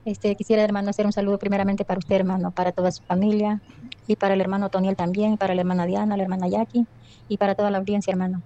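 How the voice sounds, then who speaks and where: Woman caller heard through a lo-fi voice note, brisk and even-toned. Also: medium pitch. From El Salvador. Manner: quick, rattling off greetings. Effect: voice note played back on air. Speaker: radio listener. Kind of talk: recorded voice message. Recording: dull, lo-fi voice note.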